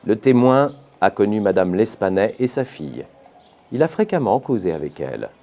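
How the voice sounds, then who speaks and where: A man narrates an audiobook with a low, dark-toned voice. His delivery is measured yet expressive, with a pitch that rises and falls widely from line to line. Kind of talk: scripted narration.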